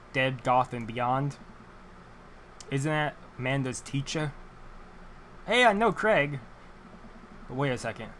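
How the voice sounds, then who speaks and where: A man reading visual novel dialogue aloud like a let's player, halting and stumbling over words, with a fan running in his room. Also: medium pitch. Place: hot bedroom with a fan running. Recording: steady fan noise in room. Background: whirring fan.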